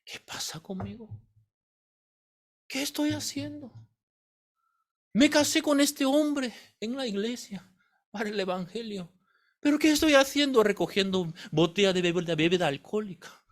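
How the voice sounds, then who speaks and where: A man voicing a distressed middle-aged woman who pleads with her pastor in a tearful, high-pitched voice. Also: normal speed, long pauses, close to an everyday voice. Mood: despairing.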